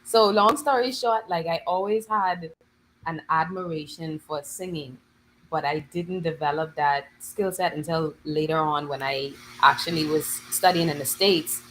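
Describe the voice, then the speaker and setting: A Bahamian woman with a slightly low voice tells her stories with animated energy, full of local slang. The room ambience carries a faint noise behind her. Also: measured pace, low-quality recording. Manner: animated storytelling, lively dialect slang. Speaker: guest musician. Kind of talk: casual interview chat.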